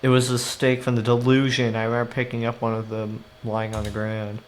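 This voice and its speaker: A man's voice: medium pitch, completely flat delivery, brisk, a little hiss or hum. A man streaming a game live, reading its story text aloud and breaking off to react with swearing and laughs. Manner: reads narration then reacts with swearing and laughter.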